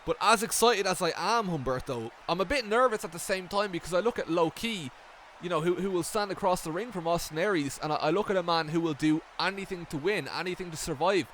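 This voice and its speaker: A man doing mock wrestling commentary, hyped and stammering, with deadpan jokes. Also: sits high, fast, a little hiss or hum.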